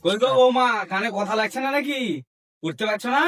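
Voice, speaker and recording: Nagging old mother-in-law. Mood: complaining. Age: older. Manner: whining, scolding, high-pitched and fast. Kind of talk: comedy skit acting. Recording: distant mic with loud background music.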